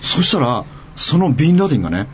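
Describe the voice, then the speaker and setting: A man's voice: on the high side, quick pace, a little hiss or hum. A man telling a long anecdote on a radio talk show, acting out the quoted lines. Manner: animated storyteller acting out quotes. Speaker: radio guest storyteller. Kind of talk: casual radio chat.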